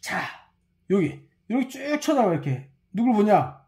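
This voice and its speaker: Professor, lecture delivery, lively pitch, repeats terms, peppers with rhetorical checks. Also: normal speed. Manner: repeats key words, quizzes listeners with rhetorical questions and a checking "예?"; explains while drawing and writing on screen. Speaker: university professor. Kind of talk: recorded university lecture.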